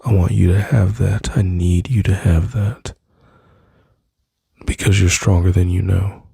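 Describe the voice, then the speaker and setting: Man, dark husky voice, intimate soothing whisper-talk, dry close mic. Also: low voice, fairly even intonation, unhurried, no room sound. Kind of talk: soft-spoken ASMR comfort roleplay.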